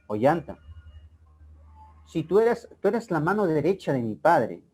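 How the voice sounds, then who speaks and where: A man's voice: on the high side, sing-song, unhurried, mellow, slightly rough, heavily acted. A male teacher voicing an angry young Inca ruler who scolds with indignant questions.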